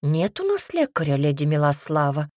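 A woman voicing a gruff older female castle housekeeper who speaks bluntly and scolds. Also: low-pitched, huge pitch swings, normal speed, a little mellow, no echo, studio quality, voice pushed down. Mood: stern.

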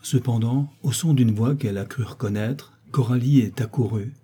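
A man narrating a classic novel as an audiobook with a measured, expressive reading. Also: medium pitch, slightly rough.

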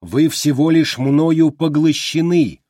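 A man voicing a vast ancient sea creature who speaks slowly and insistently in a husky, booming voice. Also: dark tone, no echo, clean studio sound. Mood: commanding.

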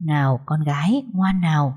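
A young father speaks tenderly to his crying daughter, as a woman reads his lines. His voice is soft and low. It is a storybook character. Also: moderate pace. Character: worried gentle young father.

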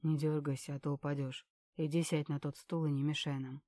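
A calm male security man questions a prisoner with cold, measured menace, voiced by a woman reading the story. His voice runs low and dark. There is no room sound around it. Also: no echo, lightly acted.

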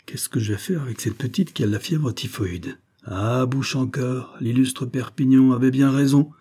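A man's voice: medium pitch, normal speed, mellow, pitched above the performer's own voice, lightly acted. A man voicing a scheming woman who is dismayed and fretful, speaking in exclamations and slang, in an audiobook. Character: scheming woman, frightened mother figure.

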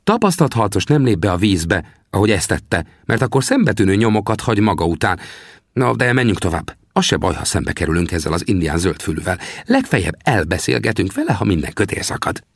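A man's voice: low voice, very animated, breathy edge, no room sound, studio quality, heavily acted. A man voicing a teasing old male frontier trapper in an audiobook, with a mocking, cackling manner.

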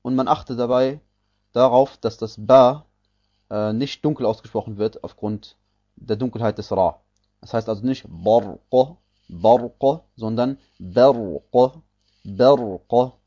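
A man gives a recorded tajweed lesson, explaining each rule step by step and repeating example words with care. His voice is mellow and dark. The audio is muffled and lo-fi. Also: medium pitch, steady tone. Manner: slow, methodical explanation with repeated spoken examples. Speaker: Quran recitation teacher.

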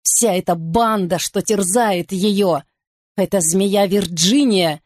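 A woman's voice: mid-range voice, slow, dry recording, studio quality. Lovesick young man, frantic and pleading, read by a woman; storybook reading. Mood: agitated. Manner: excited, pleading outbursts.

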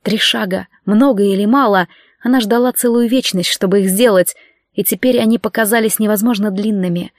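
A woman narrates a romantic novel aloud, calm and expressive. Her mid-range voice sounds close and dry, with no room around it. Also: medium pitch, fairly quick, dry recording. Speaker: audiobook narrator. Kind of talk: scripted narration.

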